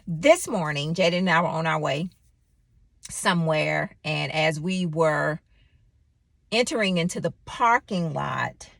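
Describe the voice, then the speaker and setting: A woman in her thirties giving an animated devotional talk, telling a personal story with sudden exclamations. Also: sits low, a little slow, creaky, no room sound. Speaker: faith vlogger.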